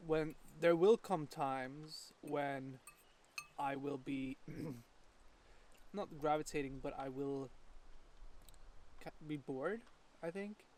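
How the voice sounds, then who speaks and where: Man vlogger, mid-high voice, thoughtful and halting, faint outdoor ambience behind. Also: a little mellow, slight background noise. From Sweden. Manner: reflective, hesitant, halting restarts. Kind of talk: casual chat. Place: countryside home, birds around.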